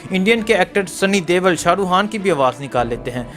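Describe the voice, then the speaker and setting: Male host-interviewer, higher voice, upbeat and prompting. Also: animated, fairly bright tone, soft background music. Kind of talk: presenting to viewers.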